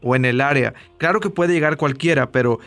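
A man, a radio co-host calmly explaining something at length. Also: medium pitch, soft background music. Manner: measured, explanatory.

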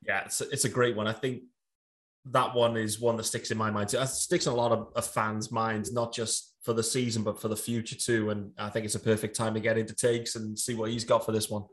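A man's voice: on the low side, level tone, a little fast. A man hosting a podcast, chatting casually and handing the talk to his co-hosts. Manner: conversational, hands off to co-hosts. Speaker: podcast host. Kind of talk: casual chat.

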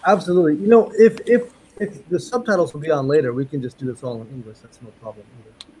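A man's voice: a little high, very animated, fast, a little mellow, poor audio. A man giving a casual, chatty interview as a guest, often repeating words for emphasis. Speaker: interview guest, martial arts instructor. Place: remote call from Japan. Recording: clear ambient background noise.

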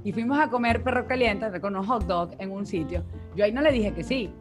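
A woman's voice: mid-range voice, brisk, music in the background. A woman from Venezuela telling a personal story in casual conversation, acting out the lines of the people in it. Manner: animated, acts out quoted dialogue.

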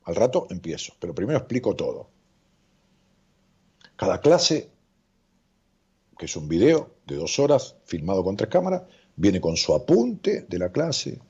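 Hombre rioplatense, voz grave y animada, charla en vivo. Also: male voice, low voice, measured pace, long pauses, husky. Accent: Rioplatense Spanish. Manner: animated, rambling, jokey, with many fillers. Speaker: psychologist hosting a live stream. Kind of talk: casual live-stream chat reading viewer comments. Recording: dull lo-fi stream audio.

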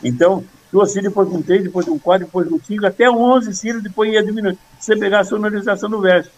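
An older man in casual conversation, earnestly explaining poetry and reciting verse with a steady rhythm. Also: high-pitched, fast, slight background noise, rough recording. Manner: earnest, rhythmic when reciting, many restarts. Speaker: poet guest.

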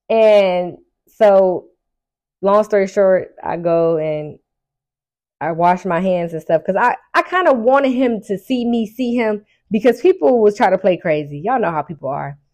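This woman has a fairly low, somewhat mellow voice. She tells her listeners a personal tale in a chatty, informal way, bringing the dialogue to life and stretching out words she wants to stress.

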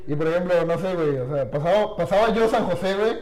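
A man's voice: sits high, expressive, fast, a little mellow, reverberant, low-quality recording. A young man with a Mexican accent telling a breakup story in slangy, laughing casual chat with friends. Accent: Mexican Spanish. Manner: slangy, laughs often, tells stories. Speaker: podcast co-host.

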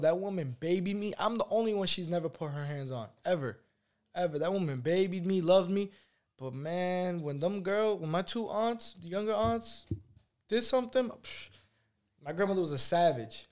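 A man's voice: high voice, brisk, darkish tone. A man in casual chat, joking as he tells family stories.

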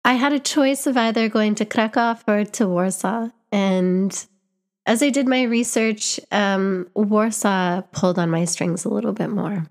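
Her voice mid-range and a little slow, a young Canadian vlogger and teacher delivers an earnest, reflective personal monologue to camera. She repeats words and starts over often, searching for what to say.

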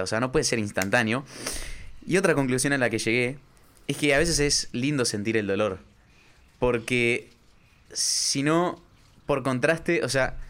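A man's voice: medium pitch, a bit bright. A man with an Argentine accent, a podcast co-host who thinks aloud in casual conversation and leans on fillers. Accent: Argentine Spanish.

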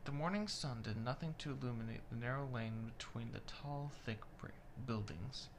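Someone reading a romance novel aloud at a steady pace, with the occasional remark about the text. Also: medium pitch, normal speed, a little hiss or hum, low-quality recording.

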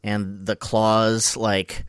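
A man co-hosting a podcast who tells the plot of an episode in lively, casual storytelling. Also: fairly low pitch, drawn-out words, clear, resonant tone, dry recording, studio quality. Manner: animated storytelling with laughs. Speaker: podcast co-host. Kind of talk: casual recap chat.

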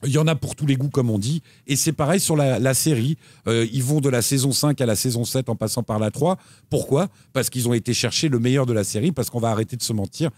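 A man co-hosting a casual chat show about TV and streaming picks, talking in an animated way with lively jumps in pitch. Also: fast talker, dry recording, studio quality. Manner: animated, lively pitch swings, frequent restarts. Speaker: co-host recommending TV shows.

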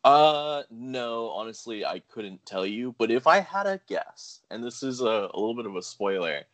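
A man co-hosting a podcast in casual chat, animated and enthusiastic, often laughing. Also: medium pitch, moderate pace. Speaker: podcast co-host.

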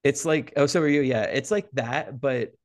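A man co-hosting a podcast, telling gossipy stories in an animated, casual way. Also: mid-range voice, moderate pace. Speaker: podcast co-host.

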